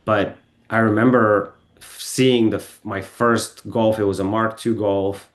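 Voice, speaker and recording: Low-voiced man telling stories. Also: fairly even intonation, takes it slowly. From Bulgaria. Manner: rambling, self-correcting, with frequent ums and restarts. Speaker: podcast guest. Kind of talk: casual storytelling interview. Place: podcast studio.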